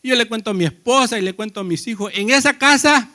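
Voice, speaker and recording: Guy preaching a sermon, pretty high voice, tells stories from his own life, keeps asking the crowd stuff. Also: racing, fairly bright tone. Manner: conversational, addresses the congregation with questions.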